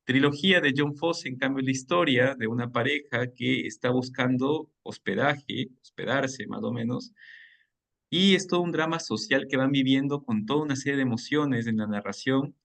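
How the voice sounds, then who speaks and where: A man leads a book club over a video call, speaking at an ordinary middle pitch. He is friendly and chatty, laughs lightly now and then, and explains things at length. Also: normal speed, gravelly, fairly bright tone. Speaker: reading club moderator. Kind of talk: casual online meeting.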